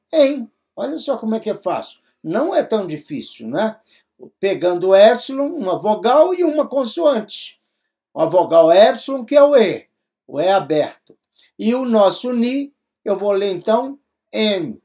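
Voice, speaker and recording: A man's voice: high voice, dark tone. A man teaching a Greek lesson, explaining each step patiently and often checking that his students follow. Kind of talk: recorded classroom lesson.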